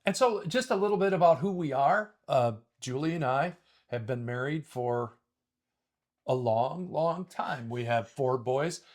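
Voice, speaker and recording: A man's voice: mid-range voice, animated, a little slow. Guy in his 50s cohosting a podcast, middle voice, upbeat, keeps restarting sentences. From Traverse City, Michigan, US. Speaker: podcast co-host. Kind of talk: casual chat.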